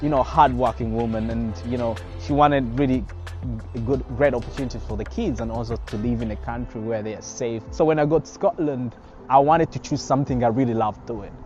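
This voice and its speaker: A man's voice: mid-range voice, fairly quick, darkish tone. A man in his twenties, originally from Congo, telling his story in a documentary interview in an upbeat, conversational way. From Democratic Republic of Congo. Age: 20s. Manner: upbeat, conversational, frequent "you know". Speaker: filmmaker and DJ. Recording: slightly muffled, with faint music behind.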